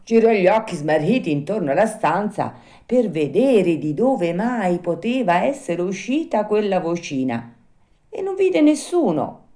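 A woman narrating a storybook tale aloud with an expressive reading voice. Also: medium pitch, unhurried.

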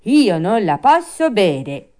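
A woman voicing a stubborn, whiny wooden puppet boy, shrill and wailing. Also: big pitch swings, slow pace, a little mellow.

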